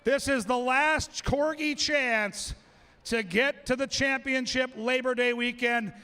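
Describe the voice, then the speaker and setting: A man calling live races as a track announcer, excitable and shouting out the calls and names. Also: extremely high pitch, slow, smooth. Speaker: race announcer. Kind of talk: live race-call commentary. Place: racetrack.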